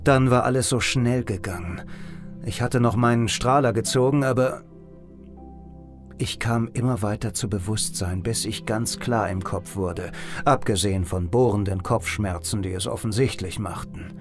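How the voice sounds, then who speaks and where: A man's voice: lowish voice, moderate pace, faint music behind, natural voice. A man playing a sardonic noir detective. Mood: wry. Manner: dry, sardonic inner monologue. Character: world-weary hard-boiled male private detective. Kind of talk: first-person noir audio drama narration.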